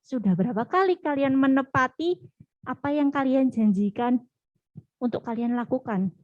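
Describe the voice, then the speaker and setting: A young woman giving a casual youth sermon, chatty, acting out quoted dialogue in lively voices. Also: high-pitched, moderate pace, no echo, lo-fi sound. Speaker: youth preacher.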